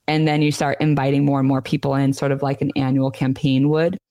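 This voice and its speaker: Female podcast guest, low-pitched and talkative, advising conversationally in a dry recording. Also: little pitch movement, fairly quick, mellow, no echo. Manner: chatty, talkative. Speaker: podcast guest, nonprofit consultant. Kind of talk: conversational advice.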